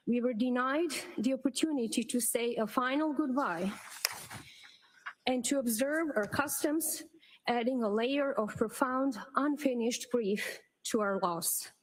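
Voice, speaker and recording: A woman in a courtroom recording, reading a prepared impact statement at the witness stand in a measured, solemn way. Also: fairly high pitch, low-quality recording. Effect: courtroom audio feed played on a livestream. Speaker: victim's sister giving an impact statement.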